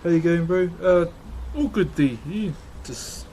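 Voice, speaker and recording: A man's voice: a little high, animated, measured pace, mellow. A man with a New Zealand accent chatting casually on a livestream in a laid-back, slangy way as he answers viewers. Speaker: live streamer. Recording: clearly noisy background ambience.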